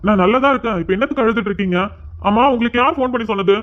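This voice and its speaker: ஒரு பெண் நடிக்கும் சலித்துப்போன இளம் மகன். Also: female voice, a little high, very fast, natural voice. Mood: exasperated. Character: young man, exasperated injured son. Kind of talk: cartoon voice acting. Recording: tinny phone-like sound.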